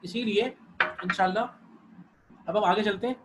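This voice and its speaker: A man's voice: sits high, steady tone, background noise. A man teaching an online Arabic class, patient, often repeating and checking that students follow.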